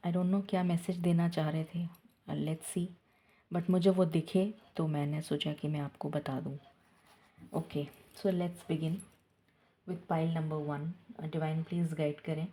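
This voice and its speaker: Slow soft-spoken woman. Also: low voice. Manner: slow and soft, switching between Hindi and English. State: out of breath. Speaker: tarot reader. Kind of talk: guided prayer and tarot reading.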